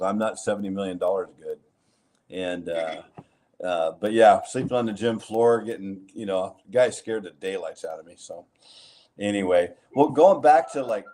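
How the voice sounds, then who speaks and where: Guy hosting a chat, kinda low voice, tells rambling stories full of uhs. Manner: rambling, animated storyteller with fillers. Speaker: host. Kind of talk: casual chat, anecdotal storytelling.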